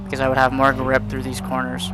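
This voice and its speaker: A man's voice: medium pitch, monotone, quick pace. A man giving unscripted commentary on a racing game he is playing, rambling and correcting himself with apologetic asides. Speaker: gaming channel host. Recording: voice over loud game music. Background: racing game music and engine sounds.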